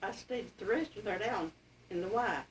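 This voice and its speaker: A woman's voice: mid-range voice, quick pace. An elderly woman with an Appalachian accent reminisces casually about family history in plainspoken, folksy speech. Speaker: interviewee telling family history. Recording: distant mic, clearly noisy home recording.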